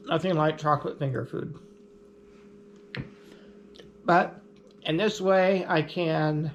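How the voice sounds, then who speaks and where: A man speaking in a casual, explanatory vlog style, unhurried and easygoing. His voice sits slightly high and carries a gravelly edge. Faint room noise sits behind him. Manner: easygoing, plainspoken, lightly humorous. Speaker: vlogger.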